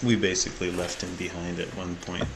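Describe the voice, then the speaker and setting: A man with a fairly low, creaky voice takes part in a tabletop role-playing game. He talks casually, moving between table chat and in-character lines, with clear background noise on the recording. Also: monotone, a little fast. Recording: noisy home recording.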